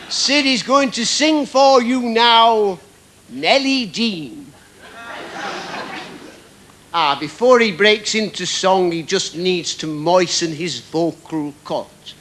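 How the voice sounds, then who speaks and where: A man performing a comic mock lecture on stage as a ventriloquist, with formal, deliberate, mock-scholarly phrasing. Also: extremely high pitch, fairly bright tone. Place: on stage at a live show. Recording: very noisy live stage recording.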